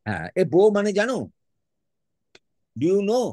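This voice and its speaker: A man with a Bengali accent teaches a class over a video call, spelling words letter by letter with patience. His pitch sits a little high and swings about a lot. The sound is dry and close. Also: huge pitch swings, unhurried, a little mellow, no echo. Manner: mixes English words into his speech. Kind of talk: online class lesson.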